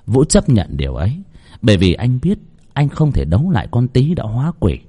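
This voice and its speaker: A man narrating a dramatic Vietnamese folk ghost story with an expressive, swooping delivery. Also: mid-range voice, a little fast, slightly rough.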